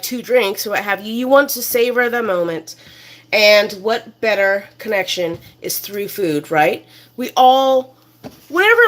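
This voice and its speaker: A woman's voice: a little high, fairly bright tone. A woman hosting a casual cooking demonstration in her home kitchen, chatty and rambling with many fillers. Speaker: cooking show host.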